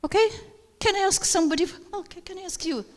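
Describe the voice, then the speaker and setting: A woman's voice: extremely high pitch, fast talker, a crowd in the background. A woman leading a teacher workshop, speaking hesitantly with many fillers. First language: Russian. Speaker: teacher trainer. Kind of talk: workshop lecture. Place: seminar room. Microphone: handheld microphone. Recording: hall reverb.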